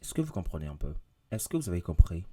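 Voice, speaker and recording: Low-voiced man giving an emphatic lesson. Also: very animated, quick pace, warm tone. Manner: repetitive, emphatic, addresses viewers directly. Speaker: English teacher. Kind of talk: casual video lesson.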